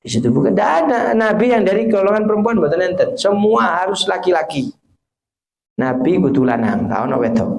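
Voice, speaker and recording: High-voiced Indonesian preacher with a Javanese accent. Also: male voice, lively intonation, fairly quick, vocal fry, darkish tone, poor audio. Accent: East Javanese. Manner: mixes Javanese phrases and Arabic quotations, asks the audience rhetorical questions. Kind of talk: sermon.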